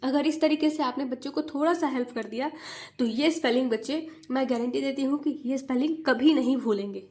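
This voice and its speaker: Woman, mother and tutor, lesson for parents, fairly high voice, step-by-step explaining, rhythmic letter-by-letter spelling. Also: fairly quick, darkish tone. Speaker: mother and tutor, channel host. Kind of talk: instructional video for parents.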